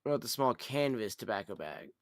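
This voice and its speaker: A man's voice: mid-range voice, sing-song, fast talker, no room sound. A man chatting casually and thinking aloud as he hosts a live review, in a loose, slangy way. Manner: slangy, addresses listener as dude or by name. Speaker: host of a pipe tobacco review show.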